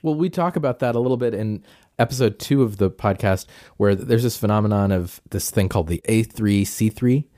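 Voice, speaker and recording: A man's voice: fairly low pitch, brisk, dark tone, no room sound, clean studio sound. A man chatting casually as a podcast host being interviewed.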